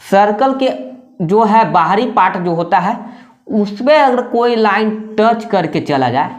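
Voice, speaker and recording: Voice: mid-range voice, expressive, measured pace. A maths teacher explaining in a classroom style, repeating key terms, asking rhetorical questions and checking in with short tag questions.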